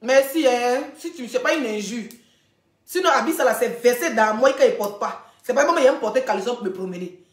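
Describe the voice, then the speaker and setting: High-voiced woman ranting on a live stream. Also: a little fast. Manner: animated, laughing, addresses viewers directly. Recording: roomy echoey room.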